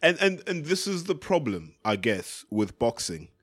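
A man's voice: a little high, sing-song, measured pace, fairly bright tone. A man with a British accent hosting a casual podcast chat, explaining his opinions in a matey, sweary way. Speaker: podcast host.

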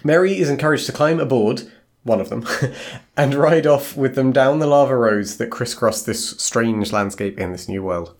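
A man co-hosting a podcast, recapping a chapter in a measured, unhurried way. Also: mid-range voice. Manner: measured, recaps slowly and clearly. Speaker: podcast co-host. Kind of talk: casual chat and chapter recap.

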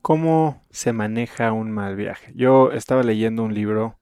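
A man's voice: fairly low pitch, a little slow, mellow, clear, resonant tone, no echo, clean studio sound. A man, hosting a conversational interview in a reflective, anecdotal way. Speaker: podcast host.

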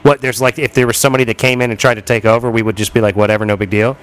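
A man's voice: medium pitch, rapid-fire. An American man hosting a podcast in casual, profane banter, animatedly spinning scenarios and acting out what people would say. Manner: animated storytelling, acting out imagined quotes. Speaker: podcast host.

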